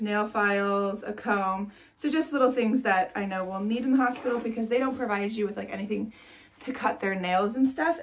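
A mid-range female voice comes through with a little hiss or hum in the background. The speaker, a congested, chatty vlogger in her twenties, talks to camera in a nursery room, full of "like"s and light laughter.

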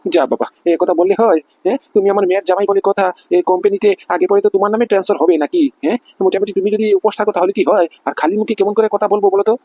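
A man's voice: high-pitched, steady tone, racing, warm tone, no echo. A man voicing a pushy middle-aged company boss in a cartoon, who keeps asking whether he is understood. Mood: bossy. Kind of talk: cartoon voice acting.

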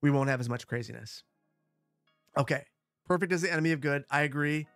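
A man hosts a gaming livestream in casual, chatty style, with a boomy sound that sits a little high in pitch for a man. He is close on a broadcast microphone in a dry space, with light music behind him. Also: brisk, a bit bright, no echo. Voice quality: boomy, bass-heavy sound on the mic. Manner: chatty, repeats short phrases. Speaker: livestream host, gamer. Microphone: close broadcast dynamic microphone.

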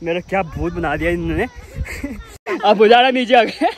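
Playful high-voiced man vlogging in village fields. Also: normal speed. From Uttarakhand, India. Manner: playful, teasing, loud bursts of excitement. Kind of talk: casual vlog chat. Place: outdoor village rice fields. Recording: outdoor field with crowd noise.

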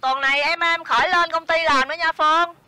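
A woman's voice: very high-pitched, fairly even intonation, a little fast, pushed and bright, no room sound. A woman acting as a boss in a comedy sketch, speaking evasively and condescendingly.

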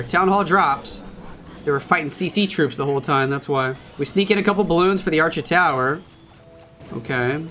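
Bright, excitable male game caster. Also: fairly high pitch. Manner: excitable, quick reactions. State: hiccups. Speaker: esports caster. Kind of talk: solo esports play-by-play commentary.

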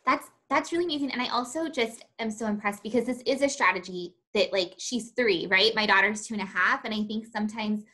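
A woman's voice: medium pitch, a little fast, few pauses. A woman hosting an interview, affirming her guest, with many ums and sort-ofs. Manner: warmly affirming, lots of "um" and "sort of". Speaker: host. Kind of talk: interview conversation.

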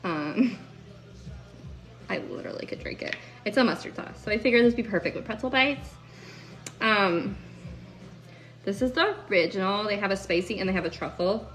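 A woman with a bright, clear voice chatting on a live stream in her home kitchen. She talks loosely and cheerfully, dropping plenty of fillers as she cooks, with faint music in the background. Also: medium pitch, animated, moderate pace, long pauses. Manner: chatty, upbeat, lots of fillers like "like" and "um". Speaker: food content creator. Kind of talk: casual live-stream chat while cooking.

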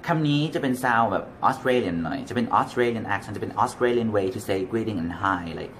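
A man's voice: fairly low pitch, takes it slowly, a bit bright, slight background noise. A man with a Thai accent, a native Thai speaker, giving a casual English lesson and acting out example greetings. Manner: switches between English and Thai, acts out example phrases. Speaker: English teacher.

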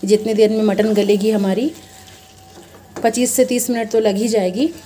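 A woman hosts a casual cooking demonstration at the stove in her home kitchen, chatting with viewers like friends and explaining each step while the pan fries and sizzles. Her mid-range voice is mellow, with fairly even intonation and normal speed. There is a little hiss or hum.

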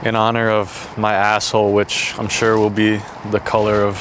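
A low-voiced young adult challenge vlogger complains, monotone and at normal speed, that spicy food has his mouth burning, his casual banter laced with profanity. The noisy recording comes from a camera a few steps away on a backyard wooden deck outdoors, with some traffic ambience.

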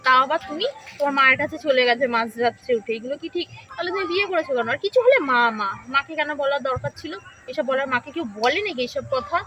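A woman's voice: high-pitched, animated, fast, few pauses. Woman playing an exasperated new bride. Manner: exasperated, scolding. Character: frustrated new bride on wedding night. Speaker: comic sketch actor. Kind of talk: comic sketch acting. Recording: distant mic, faint noise.

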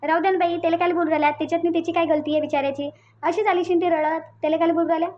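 Panchphula, an offhand housewife. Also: female voice, very high voice, flat delivery, racing, highs cut off. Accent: Vidarbha Marathi (Varhadi). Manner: offhand, dismissive. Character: easygoing household woman, dismissive. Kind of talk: cartoon voice acting.

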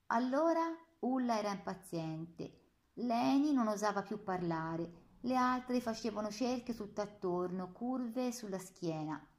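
A woman reading a novel aloud in first person, calm and measured. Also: medium pitch. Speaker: audiobook narrator. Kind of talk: first-person literary narration.

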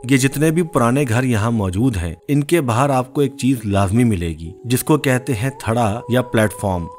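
Man, 30s, vlog host, scripted narration, measured storytelling. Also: medium pitch.

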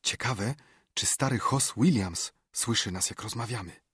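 A man's voice: fairly low pitch, measured pace, a bit bright, husky, no room sound, studio quality, exaggerated voice. Tom Sawyer, a nervous whispering boy, voiced by a man. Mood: uneasy.

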